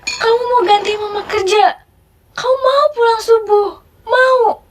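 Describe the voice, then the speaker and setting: A woman's voice: high voice, fairly even intonation, fast, far from the mic, close to an everyday voice. A woman voicing a tearful mother who pleads with and guilts her child. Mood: weepy. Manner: sobbing, pleading, guilt-tripping.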